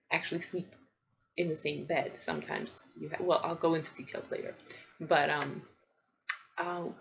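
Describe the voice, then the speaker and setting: Speaking to camera for her parenting vlog, a Polish-native woman in her thirties chats casually and thoughtfully, with lots of ums and restarts. Her voice is fairly low and gravelly, captured in a dull, lo-fi home recording.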